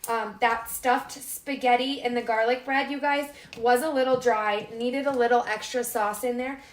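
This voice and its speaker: Echoey, higher-pitched North Dakota-accented woman chatting. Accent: North Dakota, upper Midwestern American. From Las Vegas, United States. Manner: chatty, informal, addresses viewers directly. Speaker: host of a live cooking show. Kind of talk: casual livestream chat while cooking. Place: home kitchen, indoors. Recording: echoey room, clearly noisy with clicks.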